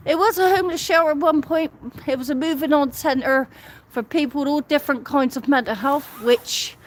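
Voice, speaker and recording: A woman's voice: high-pitched, a bit bright, slight background noise. A woman giving a casual live walking tour outdoors at night, a little out of breath and rambling, often repeating and restarting phrases as she walks. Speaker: vlogger. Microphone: phone held while walking.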